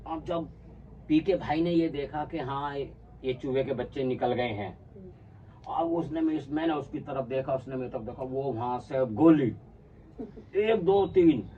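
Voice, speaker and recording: A man's voice: mid-range voice, a little slow, far from the mic, highs cut off, slight background noise. A man telling a casual personal anecdote, acting out what his friends said along the way. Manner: animated, acts out quoted friends. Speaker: storyteller.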